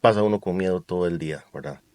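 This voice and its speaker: A man with a Costa Rican accent co-hosting a talk show, speaking in a measured, relaxed way and often ending his remarks with a tag question. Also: low voice, no echo, clean studio sound. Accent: Costa Rican Spanish. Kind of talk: casual discussion.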